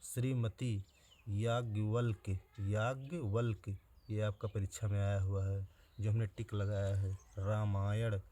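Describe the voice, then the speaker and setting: A man teaches an exam-prep spelling lesson and talks straight to his students. His voice is fairly low and dark. He says each word slowly, often more than once, to spell it out, over a faint steady background noise. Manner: plain direct address to students.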